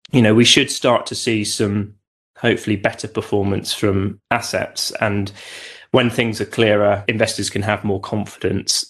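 Lower-pitched man giving measured market commentary. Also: fairly bright tone. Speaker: investment expert guest.

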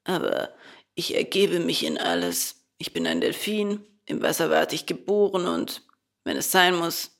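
A woman voicing a calm, resigned old male dolphin with a hoarse voice. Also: on the low side, full character voice. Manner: calm, unhurried.

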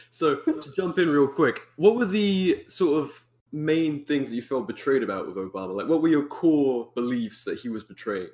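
Casting: male co-host, animated intonation, casual questioning, echoey room recording. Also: mid-range voice, moderate pace. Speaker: podcast co-host. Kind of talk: casual interview chat. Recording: roomy, echoing microphone sound.

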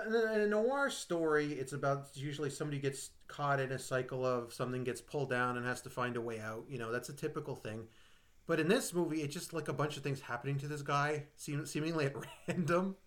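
A man's voice: on the high side, a little fast, a bit bright. A man co-hosting a movie podcast, rambling through an exasperated, casual critique of a film. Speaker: podcast co-host. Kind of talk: casual movie review chat.

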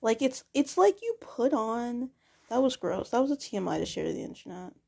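A woman's voice: on the high side, sing-song, fairly quick, creaky, darkish tone, husky. A young woman talking to herself in a casual, rambling diary monologue, full of filler words and swearing. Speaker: vlogger.

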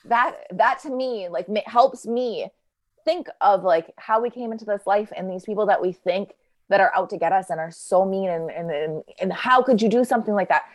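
A woman's voice: medium pitch, normal speed, no room sound. A woman guest on a podcast, talking in an earnest, reflective way with many fillers. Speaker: podcast guest, healing coach. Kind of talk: casual podcast chat.

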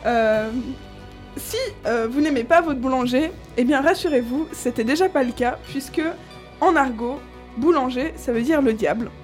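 A woman's voice: high voice, moderate pace, faint music behind. A woman host in casual chat, listing old slang words with amusement and frequent laughs.

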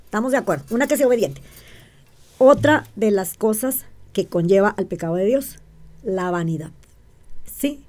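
A woman speaks in a dark, mellow voice at a middling pitch. She talks as an interview guest, explaining step by step. She keeps checking in with short questions and answers her own rhetorical ones. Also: lively intonation, moderate pace, pauses often. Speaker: interview guest, self-described witch.

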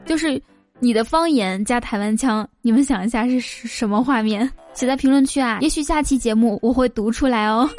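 A woman's voice: fairly high pitch, brisk, darkish tone, soft background music. A woman hosting a comedy show in a casual monologue, chatting directly to listeners with teasing questions.

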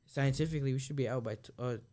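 A man's voice: medium pitch, rapid-fire, mellow. A young man chatting casually with friends, earnest and slangy as he argues his point. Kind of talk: casual group chat.

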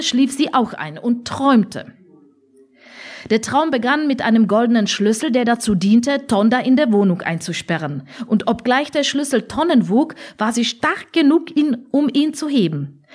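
Husky-voiced woman narrating a story. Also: on the high side. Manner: expressive storytelling, dry humor. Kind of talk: scripted audiobook narration.

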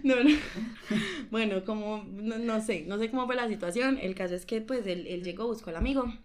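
A young woman with a Colombian accent, telling a personal story in a giggly, animated way, full of slang. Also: fairly high pitch, normal speed. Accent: Colombian Spanish. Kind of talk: casual chat.

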